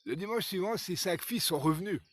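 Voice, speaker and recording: A male storyteller tells a traditional tale aloud, lively and unscripted. He hesitates and repeats himself as he goes. His voice is fairly high for a man. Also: fairly quick, dry recording. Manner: lively, hesitant, with fillers and repetitions. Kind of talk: oral folk storytelling.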